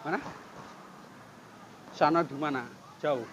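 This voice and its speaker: A man with a fairly high voice speaks slowly, calmly and coaxingly, repeating soothing phrases as a volunteer caring for a homeless man. The street outreach is filmed at a roadside near a market, with outdoor traffic and insect noise in the recording.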